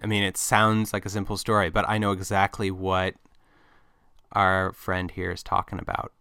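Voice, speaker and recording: A man's voice: low voice, completely flat delivery, normal speed, vocal fry, bright, forceful tone, clear, resonant tone, dry recording. A man hosting a podcast, talking casually and thinking aloud as he muses over his plans and listener mail. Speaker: podcast host.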